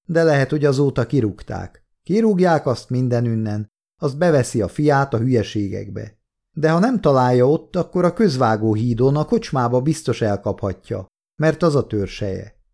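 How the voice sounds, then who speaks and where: A man voicing a dying older woman with a smoky, raspy voice who talks bluntly and wearily. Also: mid-range voice, lively intonation, mellow. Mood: gruff, weary. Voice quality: raspy, smoke-roughened. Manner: blunt, weary, coarse talk.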